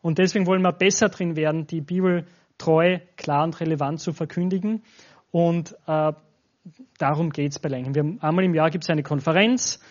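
This is an Austrian pastor in his forties, from Styria, talking casually and straight to a congregation he's visiting as a guest. His pitch is fairly high, his tone steady, his pace moderate. The audio has a dull, lo-fi quality.

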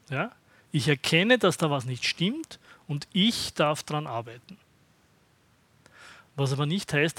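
A man preaching a sermon to his congregation in a conversational way, often pausing to ask "Ja?". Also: fairly high pitch, a bit bright, husky. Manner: conversational, checks in with the congregation by asking "Ja?".

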